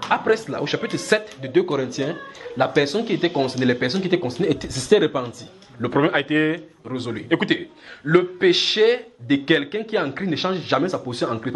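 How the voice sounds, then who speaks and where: Animated preacher, man with a higher voice. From Cameroon. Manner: animated, acts out little scenes and keeps checking the congregation follows. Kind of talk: sermon.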